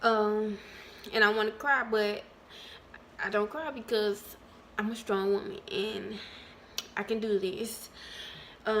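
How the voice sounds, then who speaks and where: A woman speaks straight to her viewers in a relaxed, candid vlog, chatty and open. Her pitch sits in an ordinary middle range, and she calls her audience y'all. She fills the gaps with ums and lets her sentences trail off. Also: slight background noise. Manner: many ums and trailing pauses. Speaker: vlogger. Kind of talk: casual vlog.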